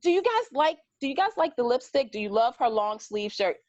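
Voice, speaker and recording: A woman's voice: a little high, expressive, fairly quick, darkish tone, dry recording. A woman co-hosts a casual chat show about daytime soaps, chatty and playful, often giggling. Her sound is dry and a little muffled. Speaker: co-host. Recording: dry, slightly dull sound.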